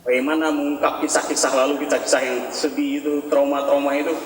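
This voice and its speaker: A man's voice: on the high side, little pitch movement, fast talker. Man moderating in an echoey hall. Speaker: event moderator. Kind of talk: moderating and interpreting at a public event. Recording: echoey hall from far off, faint noise.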